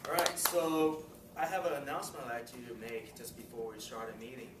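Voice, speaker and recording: Speaking briskly in a medium pitch, this host makes chatty club announcements and keeps slipping in little laughs. His friendly voice comes from far off in a meeting room full of loud noise and echo.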